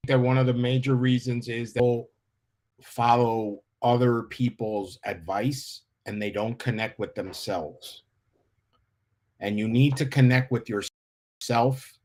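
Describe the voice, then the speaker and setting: Speaking with a medium pitch and a darkish tone, a US life coach in his fifties gives interview answers. His manner is earnest and meant to inspire.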